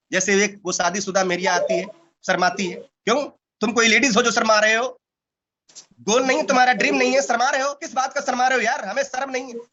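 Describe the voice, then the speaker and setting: A man's voice: high-pitched, sharp tone, lo-fi sound, slight background noise. A man giving an emphatic motivational training talk to a network marketing team. He repeats key words and keeps firing rhetorical questions.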